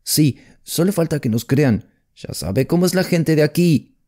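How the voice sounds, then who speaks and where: A man's voice: a little high, expressive, measured pace, dark tone, pitched above the performer's own voice. A man reading an audiobook voices a worried, decisive middle-aged mother who speaks firmly and with emphasis. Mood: urgent. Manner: urgent, firm, emphatic. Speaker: audiobook narrator voicing a character. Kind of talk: audiobook character voice.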